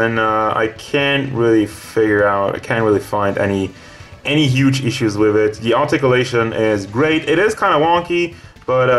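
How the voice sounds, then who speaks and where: A man's voice: medium pitch, fairly bright tone. A man reviewing a toy figure in a casual, rambling way, hot and out of breath, with faint music behind him. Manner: rambling, casual, self-correcting.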